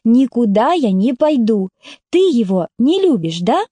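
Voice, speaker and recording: A stubborn young working man answers bluntly, full of scorn, as a woman reading the book plays him. Her tone stays mellow and fairly high. The recording is close and dry. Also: big pitch swings, measured pace, breathy edge, no room sound, heavily acted. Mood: scornful. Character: stubborn, mocking young factory worker man. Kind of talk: audiobook character voice.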